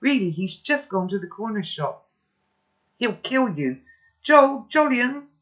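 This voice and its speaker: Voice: mid-range voice, animated, moderate pace, lo-fi sound, pitched above the performer's own voice, lightly acted. A reader voicing a terrified teenage girl who shrieks and trembles as she begs.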